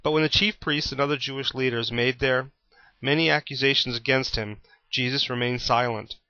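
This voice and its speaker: A man reads scripture aloud with a bright, forward tone. His delivery is steady and plain, like a storyteller. The recording is dry and slightly dull. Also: mid-range voice, moderate pace, dry recording. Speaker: Bible reader. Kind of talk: scripted Bible reading.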